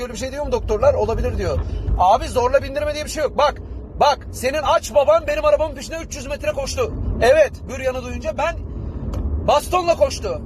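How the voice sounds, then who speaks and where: A man telling a comic story in a chatty phone-call manner, outdoors. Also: extremely high pitch. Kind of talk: comic sketch monologue. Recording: street noise outdoors.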